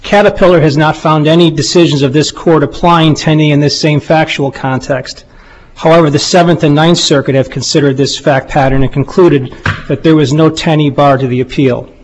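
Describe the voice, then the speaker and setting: A man making a formal legal argument in a courtroom, speaking deliberately and deferentially as an appellate lawyer. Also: a little high, fairly even intonation, a little hiss or hum. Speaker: lawyer arguing an appeal. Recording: dull, muffled courtroom recording.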